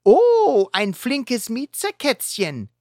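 A woman's voice: lowish voice, very animated, slow, no echo, studio quality, voice pushed up, exaggerated voice. A woman voicing a howling, mocking werewolf kid who jeers at the heroes. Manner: mocking, jeering.

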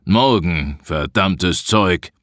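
Guy doing a grumpy old forester, growly and curt, super deep voice. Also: expressive, extremely slow, a bit bright, no room sound, studio quality, exaggerated voice. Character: gruff grumbling old male head forester.

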